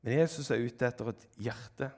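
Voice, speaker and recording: A man delivers a sermon with a mid-range voice. He reads Bible passages aloud, lifting his pitch to act out the voices, then comments on them in a plain, conversational tone. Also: dark tone. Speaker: preacher.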